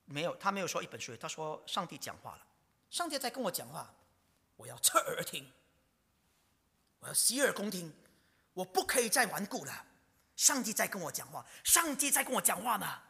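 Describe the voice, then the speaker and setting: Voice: medium pitch, very animated, normal speed, gravelly, long pauses, sharp tone, slightly rough. A preacher gives a dramatic sermon, full of rhetorical questions and sudden whispers. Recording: long reverb of a large hall.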